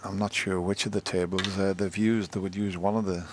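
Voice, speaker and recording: A man giving live snooker commentary in a hushed, understated way. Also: low voice, little pitch movement, a little fast. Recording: noisy live arena broadcast. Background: audience and clicking balls.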